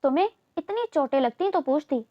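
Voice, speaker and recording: A woman's voice: high voice, expressive, a little fast, highs cut off. A woman voicing a sulky, sarcastic young woman. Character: sharp-tongued young woman, sulky and indignant.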